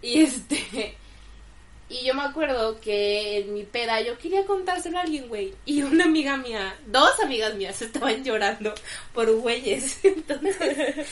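A woman's voice: on the high side, normal speed. A woman in her twenties with a Mexican accent, co-hosting a podcast and telling stories in frank, slangy chat. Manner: slangy, frank, animated storyteller. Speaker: podcast co-host. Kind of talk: casual storytelling chat.

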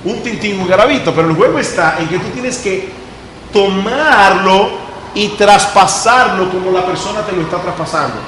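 A man, a pastor, giving a lively classroom lecture on public speaking and talking straight to the students. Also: high-pitched, normal speed. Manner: lively teacher, addresses students directly. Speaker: pastor giving a guest talk. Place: school classroom. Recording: roomy classroom with background noise.

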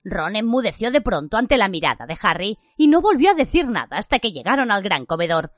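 A woman narrating a story in an expressive, scripted way. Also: mid-range voice, fairly quick, no echo, studio quality, soft background music. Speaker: audiobook narrator.

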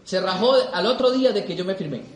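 A young man speaks to a live audience in an animated seminar style, repeating his points for emphasis. His voice sits very high for a man. The sound rings in an echoey hall. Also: quick pace. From Colombia. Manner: animated, repeats for emphasis, acts out quoted people. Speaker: motivational speaker.

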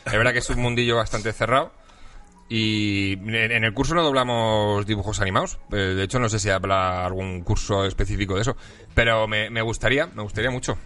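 A man's voice: fairly low pitch, a little fast, pushed and bright. A male podcast host with a Castilian Spanish accent, chatting casually in playful slang. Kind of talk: casual chat.

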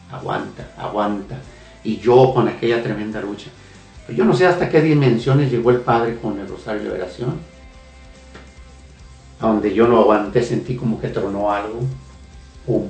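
A man's voice: lowish voice, darkish tone. Earnest man giving a faith testimony. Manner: earnest, repeats phrases, many hesitations. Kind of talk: emotional spoken testimony. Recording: echoey room, heard from a distance, faint music.

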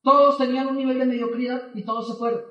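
Speaking quickly in a very high-pitched voice, a man delivers a motivational story to a crowd, bringing its dialogue to life in a lively way. The mic is far off in an echoey hall, and the highs are cut off.

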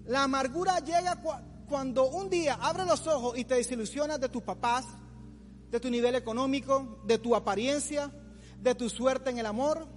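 The voice belongs to a pastor in his forties and sits at an extremely high pitch, moving at a moderate pace. His informal youth sermon is colloquial and teasing, with impressions of imaginary complainers, all heard through long hall reverb over underlying music.

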